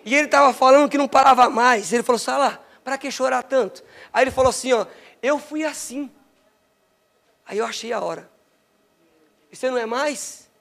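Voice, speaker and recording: A Brazilian man preaches in a church hall with a very high-pitched voice. He is fervent, dropping to quiet asides and then building to ringing shouts. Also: a little fast, gravelly, long pauses. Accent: Brazilian Portuguese. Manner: fervent, swings from soft asides to rising shouts. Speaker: pastor. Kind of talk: Pentecostal sermon.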